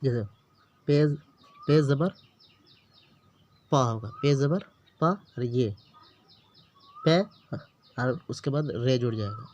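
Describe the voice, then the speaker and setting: A man's voice: medium pitch, slow pace, pauses often, darkish tone, a little hiss or hum. A man teaching a beginner language lesson, patiently sounding out letters and words one at a time and checking in with the learner often. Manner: repeats each word, checks in with the learner often. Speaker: Urdu teacher. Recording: dull lo-fi recording.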